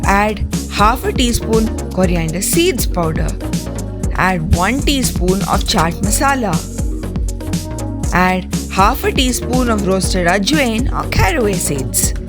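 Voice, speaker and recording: A woman from India, reading calm, step-by-step recipe instructions in a scripted voice-over. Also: medium pitch, slow. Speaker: cooking channel host. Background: clear background music.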